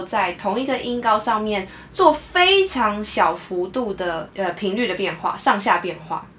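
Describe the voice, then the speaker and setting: A woman from Taiwan with a Taiwanese Mandarin accent, an English teacher giving a podcast lesson. She explains things clearly and switches into English for example phrases. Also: mid-range voice, a bit bright, slight background noise.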